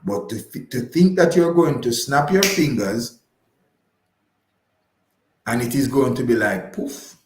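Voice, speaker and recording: As a guest on a radio show, a Jamaican-accented man offers conversational personal finance advice, emphatic and didactic, repeating points and frequently checking in with the listener. His medium-pitched voice is expressive and a little slow, with frequent pauses, heard in a reverberant space with background noise.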